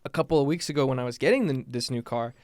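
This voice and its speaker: A man in casual podcast conversation, his voice at a middle pitch. He tells everyday stories and slips into acted-out dialogue. The sound is close and dry. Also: racing, dry recording. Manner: animated storyteller, acts out quoted dialogue. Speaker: podcast host. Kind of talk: casual chat.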